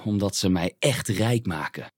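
A man playing Moomin, a gentle young troll. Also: low voice, expressive, measured pace, slightly rough, dry recording, studio quality, pitched below the performer's own voice, heavily acted. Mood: heartfelt.

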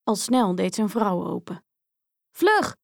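Slow, expressive woman reading a fairy tale. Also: mid-range voice, no echo, studio quality. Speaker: storyteller. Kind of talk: scripted fairy-tale narration for children.

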